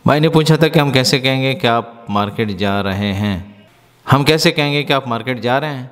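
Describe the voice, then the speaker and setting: A man's voice: mid-range voice, fairly bright tone. A man teaching spoken Arabic in a patient, repetitive lesson, translating each phrase and speaking. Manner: explains slowly, repeats phrases with translations. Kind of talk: language lesson in Urdu. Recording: hall reverb.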